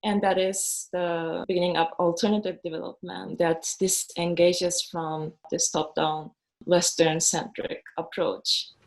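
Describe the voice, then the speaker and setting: A woman with a gravelly voice, giving an academic explanation of development in a documentary interview. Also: on the low side, flat delivery, unhurried, a little mellow, low-quality recording. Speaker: development expert.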